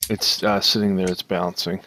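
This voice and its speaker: A man narrating as dungeon master of a tabletop game, halting with many fillers as he describes the action. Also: deep voice, level tone, a bit bright, a little hiss or hum.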